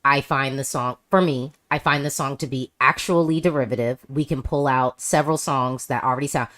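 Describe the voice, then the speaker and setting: A woman's voice: extremely low pitch, steady tone, fairly quick, a bit bright. A woman hosting a casual video-call chat, talking emphatically with frequent restarts. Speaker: host.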